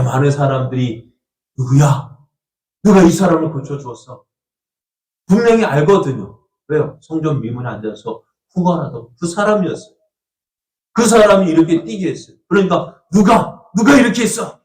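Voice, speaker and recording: A man's voice: on the high side, darkish tone. A male pastor preaching a storytelling sermon, asking the congregation questions and acting out the voices of people in the story. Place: church sanctuary. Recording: echoey church from a distant mic.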